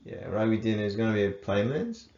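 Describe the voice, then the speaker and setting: A man co-hosting a casual rugby chat, laid-back and quick to agree. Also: on the low side, animated, darkish tone. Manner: laid-back, agreeable, many short affirmations. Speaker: rugby coach and podcast co-host. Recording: echoey room, dull lo-fi sound.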